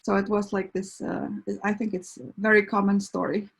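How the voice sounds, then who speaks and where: A middle-aged woman from Iceland talks through a casual introduction as a veterinarian. Her voice has a gravelly fry and a husky edge. She pauses often and restarts her sentences. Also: medium pitch, little pitch movement, rough recording. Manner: hesitant, many fillers and restarts. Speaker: veterinarian and behavior counselor.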